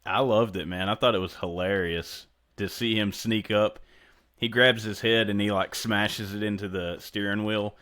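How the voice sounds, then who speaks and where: A man with a very deep voice, talking on a podcast in a relaxed, easygoing way. He chats loosely and laughs readily. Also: moderate pace. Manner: laid-back, laughs easily. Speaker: podcast co-host. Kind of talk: casual chat.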